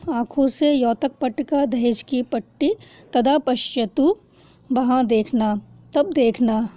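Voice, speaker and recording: A woman teacher goes through a textbook lesson phrase by phrase, pausing to explain each word. Her voice is high and mellow. The recording is close and dry, with no room sound. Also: no room sound, lo-fi sound. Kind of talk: reading and translating a textbook lesson.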